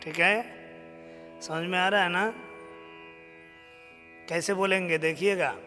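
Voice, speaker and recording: A man with a high voice leads a slow lesson in chanting a devotional hymn. He sings each line and then gently urges listeners to repeat it. A long reverb and faint music hang behind him. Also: steady tone. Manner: chants verses slowly, then coaxes viewers to repeat. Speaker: stotra recitation teacher. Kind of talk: live stream chanting lesson.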